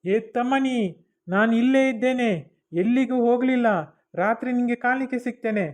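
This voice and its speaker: A man's voice: very high-pitched, fairly even intonation, fairly quick. A man voicing a vengeful ghost spirit with a Mangalore Kannada accent, making boastful threats. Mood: menacing.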